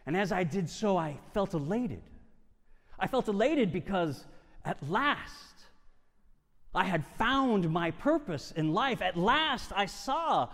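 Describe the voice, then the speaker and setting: Male storyteller, slightly high voice, dramatic hushed-to-loud delivery, first-person monologue. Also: big pitch swings, takes it slowly. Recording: long hall reverb.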